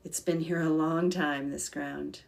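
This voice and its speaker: A woman with a low voice leads a calm grounding meditation at a slow pace. Her delivery is gentle and soothing, with a crackle of vocal fry and long pauses between short phrases. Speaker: guided meditation leader.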